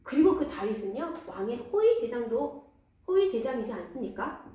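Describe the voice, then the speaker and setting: A woman's voice: fairly high pitch, sing-song, moderate pace, mellow. A woman acting out an older male priest who pleads his innocence to a king. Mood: pleading. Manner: earnest, insistent appeals. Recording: echoey church hall, mic far off.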